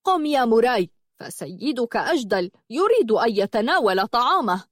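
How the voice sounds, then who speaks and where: A man's voice: sits high, very animated, normal speed, dry recording, clean studio sound. A woman voicing an arrogant young man who was once a horse, speaking in a sneering, mocking way in a read-aloud story.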